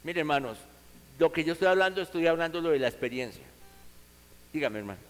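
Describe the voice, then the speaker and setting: A man's voice: a little high, lively intonation, fast, long reverb tail, low-quality recording. A man preaching a sermon to his congregation, speaking earnestly and conversationally, acting out vivid quoted examples.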